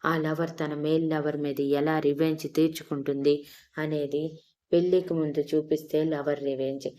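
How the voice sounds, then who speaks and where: A woman's voice: low-pitched, level tone, moderate pace, warm tone, natural voice. A woman voicing a young woman in love who pleads and scolds in an emotional way, in an audio story. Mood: teasing.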